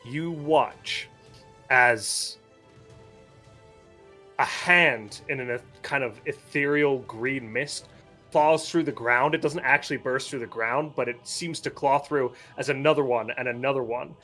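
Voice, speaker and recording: Man, tabletop player, mid pitch, explaining rules, faint music. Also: measured pace, sharp tone. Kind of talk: tabletop role-play.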